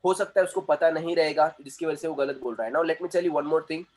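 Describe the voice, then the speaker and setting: A man's voice: a little high, a little fast, darkish tone. A man teaching a class as a communication trainer, explaining points at length, repeating himself and checking that the students follow. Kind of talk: classroom lecture.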